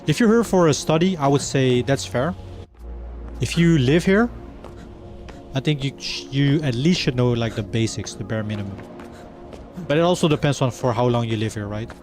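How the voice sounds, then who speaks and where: A man's voice: medium pitch, lively intonation, moderate pace, pauses often, darkish tone, soft background music. A Dutch man streaming a game live, chatting casually with his viewers and laughing between lines. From Netherlands. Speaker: livestreamer. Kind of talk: casual chat while gaming live.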